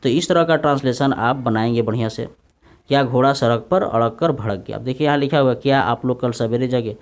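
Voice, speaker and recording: A man gives an English grammar lesson in Hindi for exam students. He dictates English sentences slowly and often checks in with his students. His voice sits at an ordinary mid pitch. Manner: repeats tag questions to students. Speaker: English teacher.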